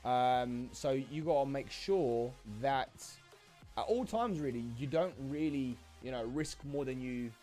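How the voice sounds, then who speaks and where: A young man talks loosely into a desk microphone while hosting a livestream, greeting viewers and filling the gaps with ums. His pitch sits in the middle for a man. Faint music plays underneath. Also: steady tone, a little slow, few pauses, mellow. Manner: chatty, filler-heavy, greets viewers. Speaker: trading livestream host. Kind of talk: casual livestream chat. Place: home desk setup.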